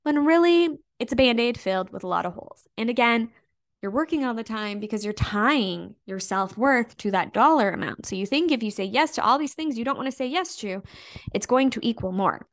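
A woman's voice: a little high, animated, a little fast. A young adult woman hosting a solo podcast as a business coach, talking casually and emphatically, full of "like" and the odd swear word.

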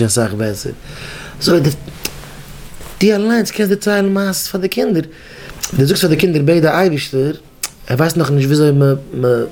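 A man teaching educators in a rabbinic lecture, telling stories in halting, repetitive speech. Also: medium pitch. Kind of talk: Yiddish-flavored Torah lecture.

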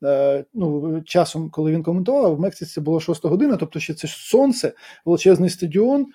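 A man's voice: fairly high pitch, animated, fast talker, warm tone, breathy edge. A man co-hosting a casual football podcast, explaining points and telling stories at length. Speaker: podcast co-host.

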